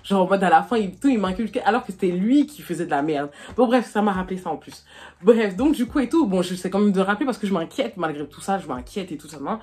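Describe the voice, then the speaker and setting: Telling her followers a personal story, a young vlogger speaks fast in a mid-range voice. The tone is casual and chatty, with slang fillers, animated delivery and laughter throughout.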